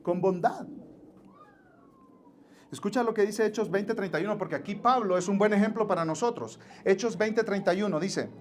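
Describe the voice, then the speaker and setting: A male pastor with a Mexican Spanish accent preaching a sermon in a church, pleading with his listeners and swinging from hushed to forceful. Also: sits high, moderate pace, slight background noise.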